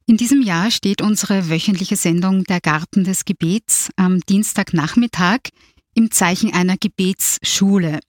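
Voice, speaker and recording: A woman's voice: medium pitch, normal speed, darkish tone, no room sound. A woman radio host with a mid-range voice, formal and courteous as she introduces her guest. The recording is close and dry, as in a small studio. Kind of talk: radio interview hosting.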